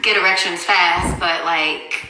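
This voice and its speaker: A woman's voice: lowish voice, fairly even intonation, takes it slowly, noisy background. A woman in her thirties on a livestream, telling her story as a mother in a blunt, angry and profane way. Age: 30s. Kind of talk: livestream rant. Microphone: phone. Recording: echoey room, far from the mic.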